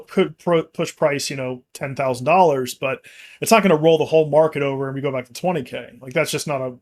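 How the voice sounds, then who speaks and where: A man co-hosting a casual market discussion, talking in long rambling runs full of restarts and fillers. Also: on the high side. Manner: rambling, frequent restarts and fillers, laughs easily. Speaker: company executive co-host.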